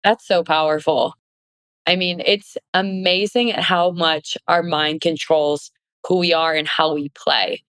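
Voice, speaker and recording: A woman's voice: low voice, fairly even intonation, a little slow, a bit bright, smooth, dry recording. A woman hosting a casual podcast interview, asking questions and responding with enthusiastic affirmations. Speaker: podcast host.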